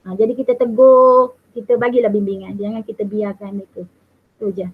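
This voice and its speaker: A woman's voice: medium pitch, level tone, a little fast, husky. A woman in her fifties with a Malaysian accent, a mathematics teacher answering interview questions in a firm, emphatic way. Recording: tinny phone-like call audio.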